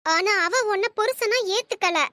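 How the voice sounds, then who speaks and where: A scheming cartoon mother, voiced by a woman, sounding very high and piercingly bright. She lectures and commands her son, then turns to pleading with put-on tears. The recording is completely dry and close. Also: moderate pace, dry recording. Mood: scolding. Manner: scolding, lecturing, fake tearful pleading. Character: stern scheming middle-aged mother, manipulative. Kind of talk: cartoon story voice acting.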